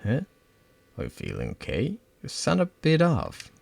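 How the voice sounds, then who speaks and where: A man's voice: medium pitch, wildly swooping pitch, a little slow, creaky, no room sound, voice pushed up, exaggerated voice. A man voicing a frightened, hurt teenage schoolgirl who stammers and pleads. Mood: distressed. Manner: pleading, stammering, rising to shouts.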